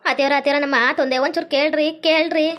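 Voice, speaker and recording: A woman's voice: high voice, fairly even intonation, rapid-fire, fairly bright tone. A woman playing a desperate young daughter-in-law who keeps begging, with a North Karnataka accent. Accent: North Karnataka Kannada. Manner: begging, repeating calls.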